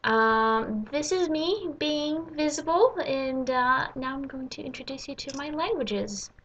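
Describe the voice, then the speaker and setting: A Swedish woman in her 20s, a native Swedish speaker, talks hesitantly in short phrases for a casual personal vlog. Her voice sits high, is fairly bright and a little slow. The home recording sounds dull and lo-fi.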